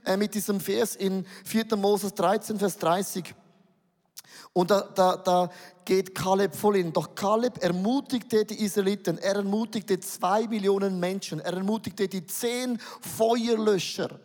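A man's voice: high-pitched, fairly even intonation, measured pace, a little mellow, big-room sound. A man with a Swiss German accent preaching a sermon, emphatic, repeating words and asking rhetorical questions.

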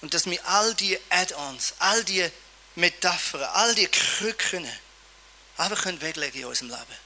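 A preacher delivers a sermon with lively emphasis and playful asides. His voice is high-pitched for a man and very bright and sharp in tone. He lands his points firmly. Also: normal speed.

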